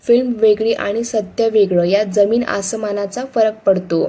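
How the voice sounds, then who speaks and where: A woman narrating a family story in a steady, expressive reading style. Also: medium pitch, measured pace.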